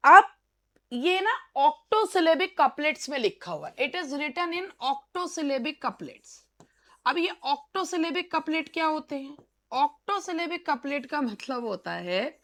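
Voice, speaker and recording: A woman gives an exam-prep literature lecture in a fairly high voice. She switches between Hindi and English and slows down to repeat the key terms. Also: a bit bright.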